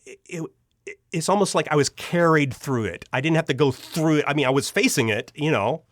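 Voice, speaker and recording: A man with a voice on the high side, at normal speed, gives an interview sharing personal testimony casually and earnestly. He repeats himself for emphasis and often restarts sentences, and the studio-quality recording has no echo.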